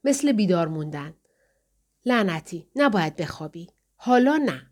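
A woman's voice: on the low side, very animated, a little mellow. A woman reading the lines of a desperate young mother in an audiobook, urgent and pleading. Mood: tired, scolding herself.

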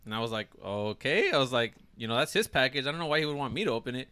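Excited young man telling a story. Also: medium pitch, racing, clear, resonant tone. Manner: excited storytelling, quotes himself, laughs often. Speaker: podcast guest. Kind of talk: casual chat among friends.

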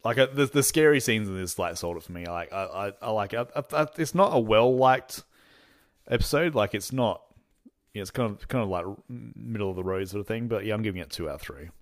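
A man's voice: lowish voice, expressive, a little fast. A man hosting a podcast, recapping an episode in casual chat, rambling with lots of fillers and restarts and laughing often. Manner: acts out characters' lines when retelling. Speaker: podcast host.

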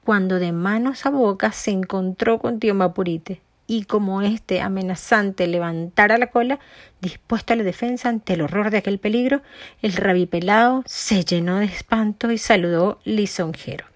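A woman telling an animal folk tale, reading in a measured, expressive way. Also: medium pitch, no echo. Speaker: storyteller. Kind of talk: scripted narration of a folk tale.

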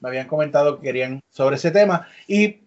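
A chatty man hosting a casual podcast, keeping the talk moving. His voice sits a bit high for a man. The audio is dull and lo-fi. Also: animated, brisk, darkish tone. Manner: chatty, upbeat, leading the talk. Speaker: podcast host.

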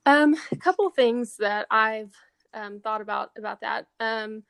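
A young woman in her twenties from East Texas, a college senior answering interview questions in a soft, halting way with many ums. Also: fairly high pitch, vocal fry, clean tone, no echo. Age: 20s. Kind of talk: casual interview.

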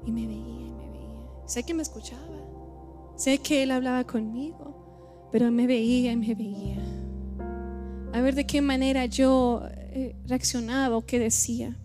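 Woman, 30s, high voice, halting and heartfelt testimony in church over faint music. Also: fairly even intonation. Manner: heartfelt, halting, repeats phrases. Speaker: church member giving testimony.

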